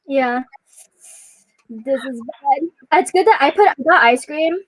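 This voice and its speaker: A woman's voice: high-pitched, slow pace, slight background noise, poor audio. A young woman hosting a casual livestream chat, chatty and laughing often. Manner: giggly, chatty, frequent laughter. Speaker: host.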